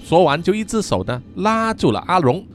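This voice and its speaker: A man tells a spooky folk tale in a slightly high, very animated voice whose pitch rises and plunges with the suspense. He lingers on drawn-out sentence-final particles, which gives the telling a theatrical pull. A faint hiss sits under the recording. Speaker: storyteller. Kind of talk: spoken horror story narration.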